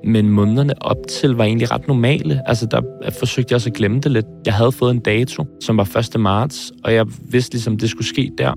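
A man in his twenties, speaking hesitantly and thoughtfully in an interview, often pausing and restarting. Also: mid-range voice, steady tone, gravelly, darkish tone, faint music behind. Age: 20s. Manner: hesitant, pauses and restarts, searching for words. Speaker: film director interviewed about his heart surgery. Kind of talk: reflective interview.

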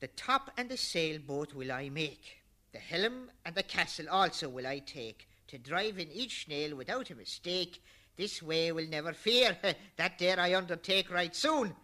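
A man's voice: fairly high pitch, animated, measured pace. An actor playing Noah, a weary old man and bossy husband, declaiming old verse. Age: older. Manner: declaiming verse, grumbling then shouting. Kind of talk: old-style verse play.

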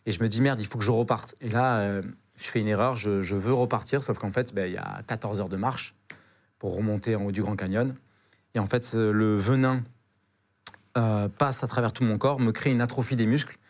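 A man's voice: lowish voice, fairly even intonation, brisk, a little mellow. A young man, a podcast guest, telling an adventure story in a casual, slangy way, with lots of hesitations and repeated words.

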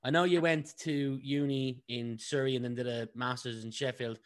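A man's voice: medium pitch, steady tone, normal speed. A man hosting a business podcast, asking questions in a friendly, upbeat way. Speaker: podcast host. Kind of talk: interview hosting.

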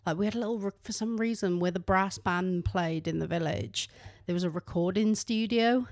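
A woman's voice: mid-range voice, moderate pace, a little mellow, dry recording, clean studio sound. A woman from the South Wales Valleys with a Welsh Valleys accent, chatting casually and bluntly as an interview guest, often at her own expense. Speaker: podcast guest, writer and musician.

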